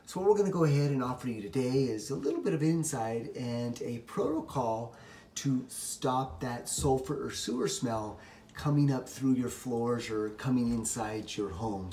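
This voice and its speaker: A middle-aged home repair contractor speaks at a moderate pace in a medium-pitched, slightly mellow voice, with slight background noise. Standing in a small basement, he gives a plain, step-by-step walkthrough of the job, filled with "uh"s.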